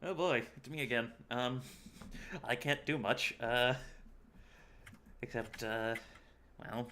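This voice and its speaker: A man's voice: mid-range voice, slow, sharp tone, slight background noise. A man playing in a tabletop game, explaining rules and chuckling often. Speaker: player. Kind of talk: casual tabletop play.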